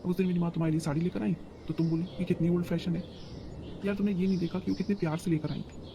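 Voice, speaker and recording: A man's voice: sits high, level tone, rapid-fire, noisy background. A man voicing an exasperated young husband in a cartoon story, reasoning with his frustrated wife.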